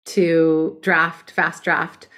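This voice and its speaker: Frank, lowish-voiced woman book coach. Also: little pitch movement, extremely slow, fairly bright tone. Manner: emphatic and direct, frank about method. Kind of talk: casual podcast conversation.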